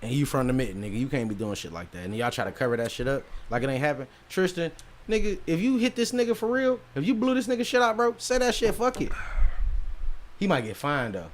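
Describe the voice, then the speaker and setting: Loud animated man bantering on a podcast. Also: on the high side, quick pace. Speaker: podcast co-host. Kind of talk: casual chat.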